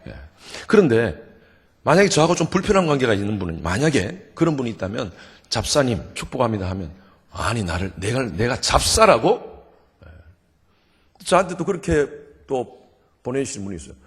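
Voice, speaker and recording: A middle-aged male pastor preaching at a revival meeting, lively and joking, having the congregation repeat after him. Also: medium pitch, fairly quick, breathy edge. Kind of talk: sermon. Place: church sanctuary. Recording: long church hall reverb.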